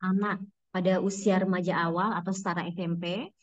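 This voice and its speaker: A woman's voice: on the low side, little pitch movement, a little fast, no room sound, lo-fi sound. A woman moderating a webinar, reading out questions and giving brief, polite prompts over an online call.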